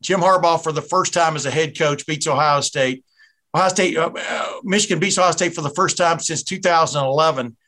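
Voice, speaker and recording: A man's voice: on the high side, fairly quick, pushed and bright. A man with a Southern American accent hosting a sports podcast, chatty and rambling with many restarts. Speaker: podcast host. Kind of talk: casual sports podcast interview.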